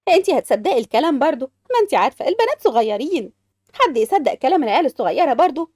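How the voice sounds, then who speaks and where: A woman with an Egyptian accent voicing sharp-tongued sisters-in-law who bicker in a home-made family drama. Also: sits high, big pitch swings, rapid-fire, no echo, studio quality. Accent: Egyptian Arabic.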